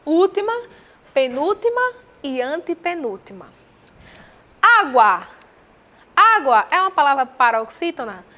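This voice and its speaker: A woman with a Brazilian accent teaching Portuguese, walking through exam answers with rhetorical questions and slow repetition of terms. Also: high voice, very animated, bright, forceful tone, highs cut off. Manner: didactic, asks the viewer rhetorical questions; spells out terms slowly and repeats them.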